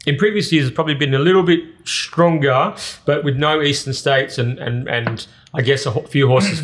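An Australian man walks listeners through each race in a relaxed, chatty manner. His voice sits at an ordinary middle pitch, plain and unforced. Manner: runs through the field in a steady, chatty way. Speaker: racing podcast host. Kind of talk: casual racing preview chat.

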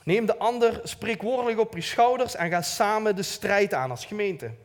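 A man's voice: high-pitched, moderate pace. A man with a Limburg Dutch accent giving an informal, earnest church talk, plain-spoken with light self-mocking asides. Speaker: lay preacher. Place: church hall. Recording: long hall reverb.

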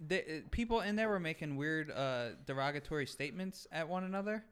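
A man's voice: on the high side, lively intonation, fairly quick, fairly bright tone, smooth. A man co-hosting a casual podcast, joking and blunt, swearing freely. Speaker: co-host. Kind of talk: casual chat.

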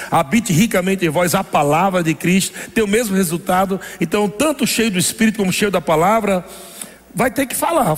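Male pastor, high voice, emphatic preaching with laughter, church hall with long reverb. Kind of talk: sermon.

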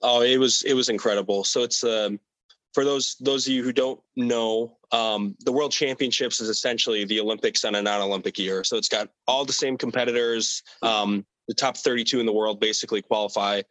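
A young man answering interview questions about competing abroad in a relaxed, casual way, with many fillers and repeated words. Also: mid-range voice, fairly quick, no echo, poor audio. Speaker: athlete guest.

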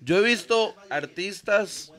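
A man with a Costa Rican accent hosting a casual podcast chat, emphatic and full of quick interjections. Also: high-pitched, lively intonation, a bit bright.

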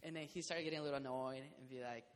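A man's voice: medium pitch, fairly even intonation, racing. Laughing young man in a reverberant room. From Costa Rica. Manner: laughing often, rambling with fillers. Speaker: community house resident. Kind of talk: casual group conversation. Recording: reverberant room, faint noise.

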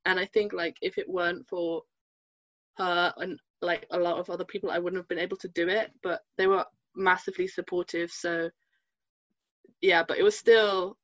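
A woman's voice: fairly low pitch, level tone, normal speed, fairly bright tone, no echo, dull audio. Young woman, hesitant chatty guest. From Germany. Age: 20s. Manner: hesitant, many fillers and restarts. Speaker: podcast guest. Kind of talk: casual interview chat.

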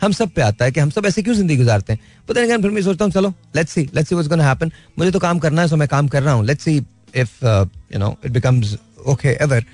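A man's voice: a little high, lively intonation, moderate pace, a little mellow, dry recording, faint music behind. A man talking in a casual, reflective way, earnest and mixing in English phrases. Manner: earnest, mixes in English phrases, laughs lightly. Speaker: speaker sharing life views.

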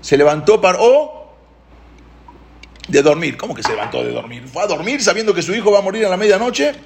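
Guy teaching a religious lesson, lively storytelling, gravelly voice. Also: high voice, a little fast, slight background noise. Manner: animated, questioning storytelling.

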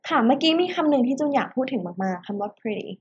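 A woman co-hosting a casual language-learning podcast, explaining in a friendly way with soft "uh-huh" fillers. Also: high voice, expressive, fast, breathy edge, dull audio. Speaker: podcast co-host and English teacher. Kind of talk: casual bilingual podcast chat.

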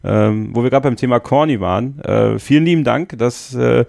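A man's voice: medium pitch, normal speed, creaky, darkish tone, no room sound, studio quality. A man co-hosting a podcast, speaking with enthusiasm and gratitude in casual chat, with plenty of hesitations. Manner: enthusiastic, grateful, many fillers. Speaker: podcast co-host.

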